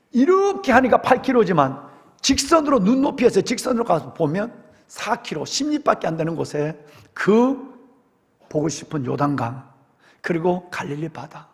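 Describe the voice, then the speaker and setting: A male senior pastor telling a story as a dramatic sermon, with animated delivery, in a church sanctuary. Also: a little high. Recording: long church hall reverb.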